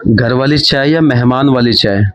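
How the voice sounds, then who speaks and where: A man's voice: mid-range voice, moderate pace, faint music behind, natural voice. A man voicing a naive but witty young village man who talks in a cheeky, playful rustic way.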